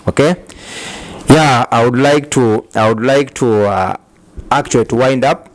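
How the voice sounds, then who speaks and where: A man hosting an interview, speaking in a measured, earnest way and often murmuring acknowledgements. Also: medium pitch. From Uganda. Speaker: talk show host. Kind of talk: interview and closing remarks.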